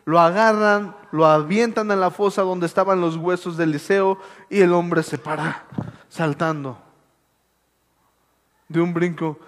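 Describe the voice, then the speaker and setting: A man preaching a sermon in a church, swinging from soft, quiet asides to excited shouts. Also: high-pitched, unhurried. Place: church hall. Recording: echoey church hall with long reverb.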